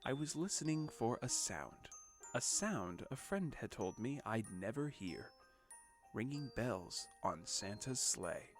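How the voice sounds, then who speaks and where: A man narrating a comedic parody of a storybook, shifting from a calm reading into crude, sarcastic asides. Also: medium pitch, slow pace. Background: background music.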